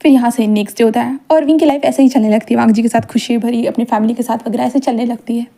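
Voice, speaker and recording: A woman narrates a fan-fiction story in a relaxed, chatty way and adds casual asides as she goes. Her voice is mellow and a little high. She speaks warmly and informally, as if talking to friends. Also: fast talker.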